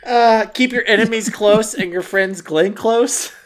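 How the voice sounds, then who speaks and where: A woman's voice: medium pitch, a little slow. A woman chatting casually and trading jokes. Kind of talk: casual banter and joking.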